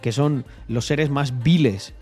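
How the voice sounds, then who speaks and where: A man's voice: medium pitch, slow, mellow, soft background music. A young man from Spain with a Spanish accent, talking to his livestream chat in a casual, emphatic way, often repeating words and swearing. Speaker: streamer.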